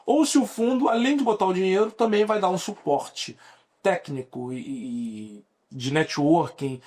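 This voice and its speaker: On a podcast interview, a Brazilian lawyer in his forties talks a little slowly in a high-pitched voice with a darkish tone. He has a Brazilian Portuguese accent and gives lengthy explanations, restarting frequently.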